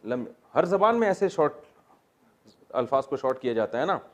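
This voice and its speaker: With big pitch swings around a medium pitch, a man with a Pakistani Urdu accent teaches a class on Quran grammar. The religious teacher explains things step by step, questions his students, and jokes around.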